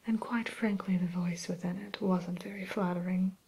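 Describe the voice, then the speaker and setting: A woman playing a haughty evil fairy-tale queen turned shopkeeper in a breathy ASMR whisper, speaking in a genteel, unhurried way. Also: lowish voice, steady tone, a little mellow, a little hiss or hum, close to an everyday voice. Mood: genteel, disdainful. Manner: genteel, aloof, unhurried, hesitant pauses.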